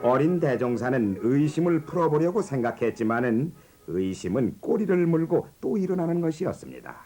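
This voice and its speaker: A man narrating a children's animated biography in a gentle, measured storytelling manner. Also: mid-range voice. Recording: narration over background music.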